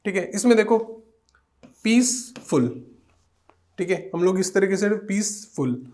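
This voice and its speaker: A man teaching English grammar in a classroom style. He explains step by step, keeps checking in with his students, and reads the example sentences slowly and deliberately. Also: sits high, steady tone, a little mellow.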